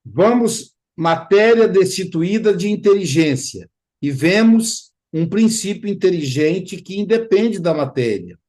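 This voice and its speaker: A man hosting a study group, explaining in a casual teaching talk and livening it up with playful imitations. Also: high-pitched. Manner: animated storytelling with playful imitations.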